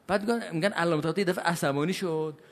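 A man with a fairly high voice gives a religious lecture from a large hall, and his words trail off in a long reverb. He keeps asking the audience questions and answering them himself. His pace swings between slow, weighty stresses and quick asides. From Iran. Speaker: cleric giving a religious talk.

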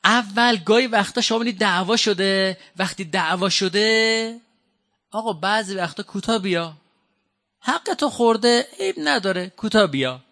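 A man's voice: high-pitched, animated, pushed and bright. A man from Iran preaching a sermon, explaining Quran verses in a conversational way and asking the audience direct questions.

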